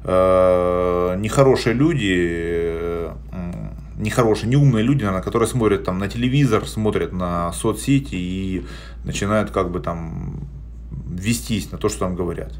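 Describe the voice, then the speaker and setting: Here a man in his forties talks slowly in a low, gravelly voice, with a faint hiss or hum in the audio. He's on a casual live stream in a small indoor room, giving blunt answers to viewers and filling gaps with hesitation sounds. The mic is a phone at arm's length.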